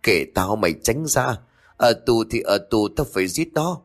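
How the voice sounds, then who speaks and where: A man doing a furious young man who shouts threats. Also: on the low side, animated, normal speed, faint music behind. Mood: defiant. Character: hot-tempered young man, grieving and furious.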